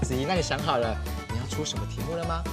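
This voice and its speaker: A young man with a Taiwanese Mandarin accent hosts a children's game, talking gently, patiently and playfully, as if reading to a toddler. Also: on the high side, very fast. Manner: playful, encouraging. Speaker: children's TV game show host. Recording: music playing behind the voice.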